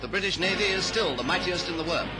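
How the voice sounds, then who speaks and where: Quick and expressive, a man's high-sitting voice booms out 1930s newsreel narration with patriotic, declamatory grandeur. Loud music plays beneath this old newsreel soundtrack.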